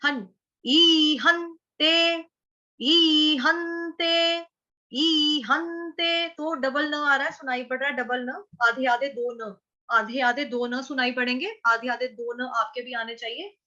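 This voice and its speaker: A woman teaching Sanskrit verse pronunciation. She breaks each word into syllables, draws out slow chanted examples, and asks and answers her own questions. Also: a little high, steady tone, bright, forceful tone, muffled recording.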